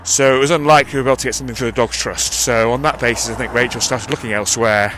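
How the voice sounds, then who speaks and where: Racing along in a fairly bright, mid-range voice with fairly even intonation, this male vlogger keeps an audio diary while walking uphill next to a busy road, growing breathless. He cups a handheld mic and rambles, often correcting himself, as traffic passes in the outdoor street recording.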